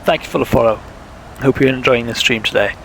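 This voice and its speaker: A man's voice: mid-range voice, fairly even intonation, fast talker, gravelly, fairly bright tone, slight background noise, low-quality recording. A young man, chatting casually while streaming a flight sim, thinking aloud and talking to viewers, with a sore throat. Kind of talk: casual live-stream commentary.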